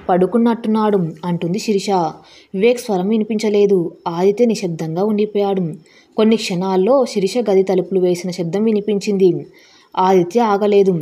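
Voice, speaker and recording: A woman's voice: medium pitch, warm tone. A woman reading a story aloud as narrator, voicing the dialogue in her own voice. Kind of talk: scripted narration of an audio story.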